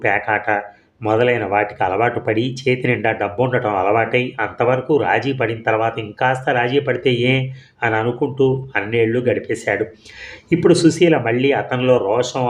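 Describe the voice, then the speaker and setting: A man giving steady, measured storybook narration of a serial. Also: mid-range voice. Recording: echoey room.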